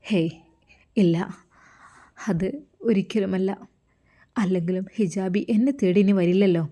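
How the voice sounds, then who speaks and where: A woman's voice: mid-range voice, fairly even intonation, measured pace, dark tone, close to an everyday voice. A woman with a Malappuram Malayalam accent voicing a feverish, heartbroken young man who talks in a weary, tearful way.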